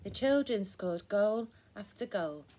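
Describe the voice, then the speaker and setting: A woman hosting a story time and reading a children's picture book aloud in a gentle, expressive and encouraging way. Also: mid-range voice, measured pace.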